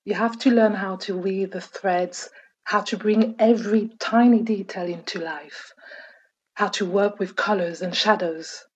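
A woman reading an interview translation as a calm voice-over. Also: medium pitch, measured pace, slightly rough.

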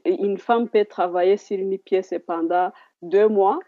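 A woman's voice: medium pitch, fairly even intonation, a little slow, muffled recording. A woman from Burundi answering interview questions reflectively, searching for words. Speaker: interviewee, entrepreneur.

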